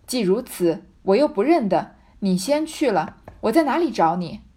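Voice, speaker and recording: A woman's voice: medium pitch, very animated, moderate pace, slightly rough. A woman doing a drunk fawning young man. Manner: loud wheedling coaxing.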